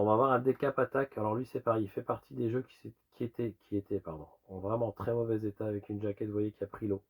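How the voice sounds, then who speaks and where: A man with a low, rusty voice and a gravelly creak, hoarse as if getting over a long cough. He chats informally and loosely as he shows off collectibles, over slight background noise with clicks. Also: darkish tone. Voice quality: rusty, worn voice. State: hoarse from lingering cough and illness. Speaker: retro game collector presenting a sale. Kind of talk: casual show-and-tell video commentary.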